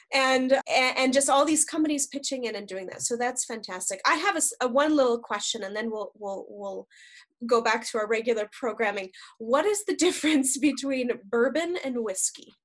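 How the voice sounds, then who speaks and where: Chatty woman host, slightly high voice. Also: expressive, moderate pace. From United States. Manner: chatty, full of restarts and repeated words. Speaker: podcast host. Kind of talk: casual interview chat.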